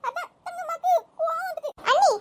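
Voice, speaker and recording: A woman voicing chatty village women in an animated cartoon comedy, in a squeaky sped-up tone. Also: fast talker. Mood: complaining. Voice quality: very high, sped-up chipmunk-like tone. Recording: loud background hiss.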